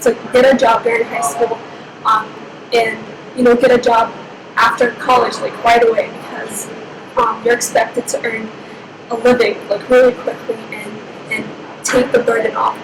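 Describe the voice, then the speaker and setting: A nineteen-year-old woman who grew up in Egypt and speaks Somali as her first language, telling her story in an interview in a reflective, unhurried way. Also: fairly high pitch. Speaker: interviewee, university student. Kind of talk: personal interview. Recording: echoey room with steady background noise.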